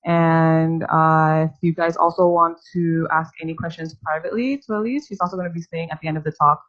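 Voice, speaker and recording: A woman opens the event with housekeeping notes, speaking casually and pausing on fillers. Her voice sits somewhat low. The sound is dull and lo-fi. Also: steady tone, fairly bright tone. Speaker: event organizer. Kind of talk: introducing a speaker.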